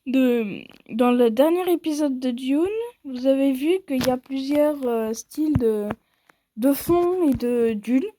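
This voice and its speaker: A woman's voice: sits high, slow pace, mellow, a little hiss or hum. A woman giving casual commentary while playing a mobile game, rambling playfully and poking fun at herself. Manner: playful, rambling and self-mocking.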